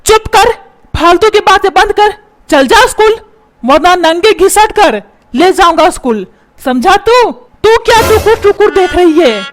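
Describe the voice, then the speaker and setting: A woman's voice: high voice, animated, a little slow. A woman voicing a stern, short-tempered cartoon father who scolds and threatens his son. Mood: angry. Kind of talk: cartoon dubbing. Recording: loud background music. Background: loud music.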